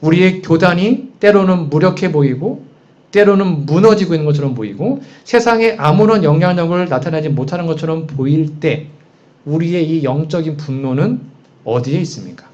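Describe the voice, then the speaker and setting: A man's voice: fairly high pitch, normal speed, darkish tone. A man preaching a sermon in a conversational way, posing frequent rhetorical questions to the congregation. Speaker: pastor. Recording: dull, muffled sound.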